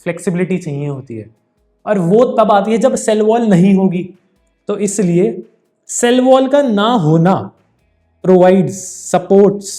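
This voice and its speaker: A man's voice: high voice, warm tone. A man teaching a casual Hindi-English science lesson. He jokes, teases and calls the viewer brother. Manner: playful mispronunciations and asides. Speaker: online tutor.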